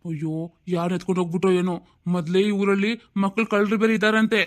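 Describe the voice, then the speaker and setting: A man's voice: high voice, fairly even intonation, natural voice. A man playing a stern husband and father who scolds his wife and son in a homemade family drama. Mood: worried. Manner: scolding, bossy, rapid-fire. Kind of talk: amateur audio family drama.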